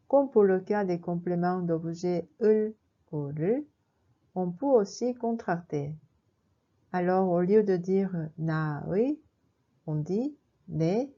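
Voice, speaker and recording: A woman's voice: on the low side, mellow, lo-fi sound. A woman explaining a language lesson in a careful, scripted narration, going through examples one by one. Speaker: language teacher.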